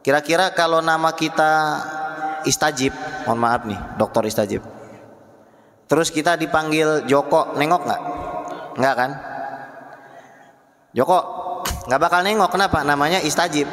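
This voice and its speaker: Man, preacher, fairly high voice, asks and answers questions, long hall echo. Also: moderate pace, long pauses, fairly bright tone. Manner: asks the audience questions and answers them himself. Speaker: Islamic preacher. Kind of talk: religious lecture. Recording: echoey hall reverb.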